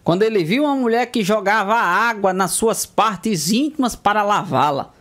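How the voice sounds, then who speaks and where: A male comedian from Northeast Brazil telling a run of jokes about country folk, jumping into character voices for the punchlines. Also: moderate pace. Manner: lively storyteller, jumps into squeaky character voices. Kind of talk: joke telling.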